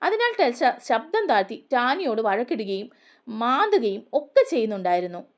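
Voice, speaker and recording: A woman narrating a TV serial as a story, with a steady, expressive reading. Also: on the high side, moderate pace.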